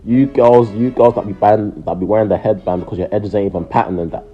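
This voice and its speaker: Deep London roadman commentator. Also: fairly even intonation, fast, muffled recording, faint music behind. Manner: roadman slang-heavy delivery. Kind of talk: casual comedic voice-over commentary.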